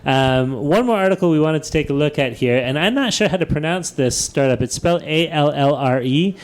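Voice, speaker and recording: A man's voice: fairly high pitch, a little fast. A man hosting a tech podcast in casual chat, thinking aloud with many fillers and restarts, laughing easily. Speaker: podcast host.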